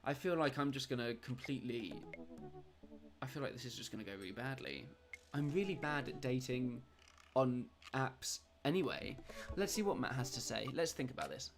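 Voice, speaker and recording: A man's voice: medium pitch, animated, moderate pace, soft background music. A young man, a streamer reading a dating game aloud and chatting about it in a playful, self-mocking way. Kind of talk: let's-play commentary, reading game dialogue aloud.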